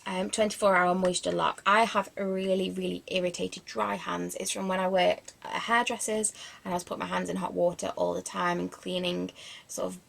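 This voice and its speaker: Chatty woman with vocal fry. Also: lowish voice, flat delivery, brisk, a bit bright. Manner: rambling and chatty, lots of fillers and restarts; self-deprecating asides. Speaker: beauty vlogger. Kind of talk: casual product review chat.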